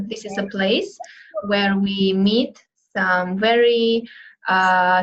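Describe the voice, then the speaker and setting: A woman's voice: mid-range voice, lo-fi sound. A woman hosting a casual interview, hesitant with many fillers. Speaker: host.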